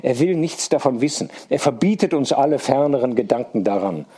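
A man voicing Hermine, a proud, sharp-tongued girl of seventeen, speaking dryly and coolly in a slightly husky voice. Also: mid-range voice, animated. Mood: cool serious. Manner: dry and cool, with quick snaps.

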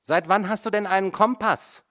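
A man's voice: high-pitched, animated, normal speed, a bit bright, pitched above the performer's own voice. Man doing a shrieking hysterical mother. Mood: accusing. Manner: screeching, accusing, ever more hysterical. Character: shrill hysterical middle-aged mother in court.

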